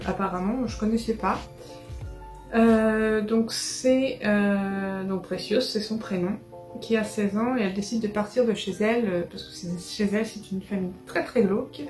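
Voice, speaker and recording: A woman's voice: medium pitch, darkish tone, echoey room. A woman casually chatting through a book haul, hesitant, with many fillers and restarts. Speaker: book vlogger.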